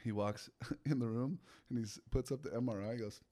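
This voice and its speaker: A man's voice: mid-range voice, a little fast, warm tone, slight background noise. A young man, a guest, telling a story in casual chat, laid-back and laughing often between lots of fillers. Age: young adult. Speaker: guest, pitcher.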